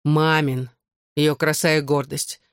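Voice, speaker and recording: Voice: medium pitch, level tone, slow, clean tone, dry recording. A reader voicing a cocky teenage boy in an audiobook, with a dry, sarcastic delivery. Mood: deadpan. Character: teen boy, cocky, deadpan, joking. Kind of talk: audiobook character voice.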